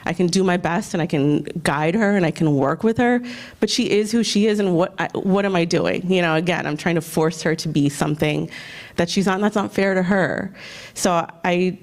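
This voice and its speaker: A woman's voice: lowish voice, moderate pace. A woman from New Jersey, a parent on a panel, telling her story candidly and emotionally, nervous and near tears, rambling with lots of "like". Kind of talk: panel discussion, personal story.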